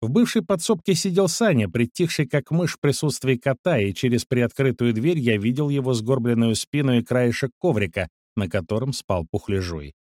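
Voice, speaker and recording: A man reading a first-person story aloud, in a measured, calm and precise storytelling manner. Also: medium pitch, no room sound, clean studio sound. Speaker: audiobook narrator. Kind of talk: first-person scripted narration.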